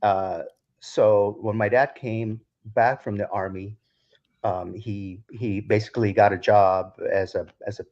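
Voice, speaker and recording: Heard through dull lo-fi audio, this Ukrainian DJ chats as a podcast guest, winding through a long story with frequent restarts. His voice is lowish and fairly even, delivered a little slowly, in the style of a casual storytelling interview.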